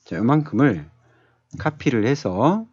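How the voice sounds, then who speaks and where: A husky-voiced male instructor talks a little slowly, his pitch swinging lively, as he walks through a screen tutorial step by step. He thinks aloud in a conversational way and keeps checking in with short tag questions. It's an indoor screen-capture voice-over, recorded close with a dull, lo-fi quality and no room sound.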